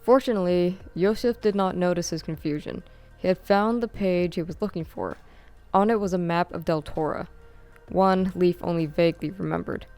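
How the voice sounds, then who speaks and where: A woman reading a fantasy chapter book aloud in a calm, even storybook narration. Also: on the low side, moderate pace. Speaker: audiobook reader. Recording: faint background music.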